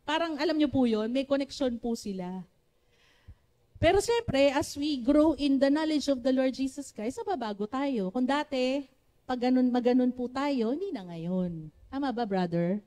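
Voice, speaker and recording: A woman with a Filipino accent preaching a sermon to a church congregation, with a naturally loud voice, often calling on the congregation to respond. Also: high voice. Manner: switches between Tagalog and English, asks the congregation for responses.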